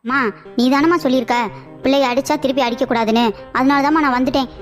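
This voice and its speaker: A woman voicing a young boy who whines and pleads in an animated cartoon. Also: high voice, fast talker, faint music behind, close to an everyday voice. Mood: pleading. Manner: pleading, whiny. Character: young boy, whiny and tattling.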